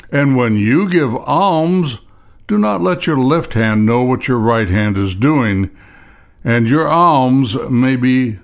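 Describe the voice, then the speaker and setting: An older man preaching a sermon, reading scripture slowly and measuredly, then adding plain asides. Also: medium pitch, creaky.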